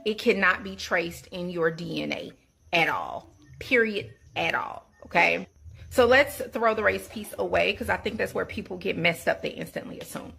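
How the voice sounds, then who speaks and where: A woman's voice: fairly low pitch, normal speed, gravelly, pushed and bright, husky. A woman explaining a point emphatically, like a short lecture.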